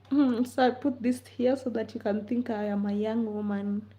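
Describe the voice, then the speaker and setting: Slow-talking woman, playful livestream chat. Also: a little high, fairly even intonation, warm tone. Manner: playful and teasing, laughs often. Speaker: livestream host. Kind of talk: casual live chat answering comments. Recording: dull lo-fi livestream audio.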